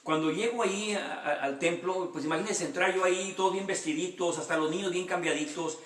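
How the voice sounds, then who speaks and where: A man's voice: sits high, brisk, fairly bright tone, echoey room. A man, a pastor giving a sermon with his own testimony, earnest and repeating phrases for emphasis. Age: 50s.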